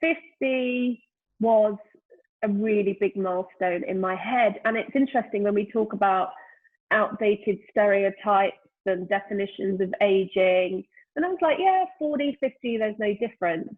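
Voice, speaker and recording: A woman's voice: mid-range voice, moderate pace. Reflective woman in her fifties on a tinny call. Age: 50s. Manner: thoughtful, searching for words with many "you know"s. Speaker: guest, brand founder. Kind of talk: reflective casual conversation. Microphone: remote call during lockdown. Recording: tinny phone-like call line.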